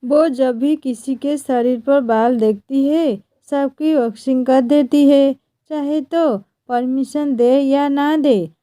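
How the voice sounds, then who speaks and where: A woman's voice: high voice, steady tone, slow pace, dark tone, no room sound, clean studio sound. A woman voicing a stern, old-fashioned older mother-in-law in a scolding tone.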